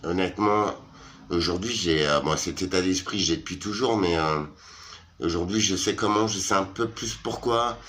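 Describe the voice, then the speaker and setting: Deep-voiced, hesitant, tired man vlogging. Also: moderate pace, a bit bright, slight background noise. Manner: hesitant, many fillers, slangy and familiar. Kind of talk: casual chat to followers.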